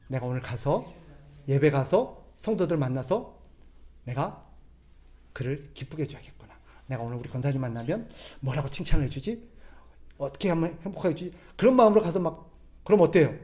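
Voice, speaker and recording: Male pastor, high voice, conversational sermon full of questions to the congregation. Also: animated, fairly quick, long pauses, mellow. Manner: acts out quoted voices in a gruff tone.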